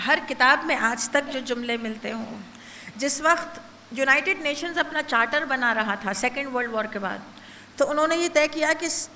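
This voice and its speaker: A woman's voice: high voice, sharp tone. A woman giving a religious lecture at a women's gathering, earnest and asking the listeners rhetorical questions. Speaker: zakira reciting at a women's majlis. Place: gathering hall. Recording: long hall reverb, faint noise.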